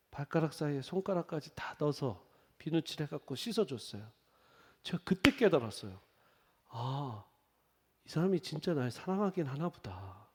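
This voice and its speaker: A male pastor preaches with a fairly high voice that rises and falls widely as he tells stories. He acts out the people he quotes. A long reverb fills the church behind him. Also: husky. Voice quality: lively storytelling with quoted voices. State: on crutches after leg surgery. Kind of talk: sermon. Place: church sanctuary.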